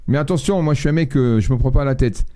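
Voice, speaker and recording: A man's voice: mid-range voice, quick pace, mellow. A man hosting a live astrology stream, chatting casually with viewers and reading their messages in a blunt, slangy, joking way.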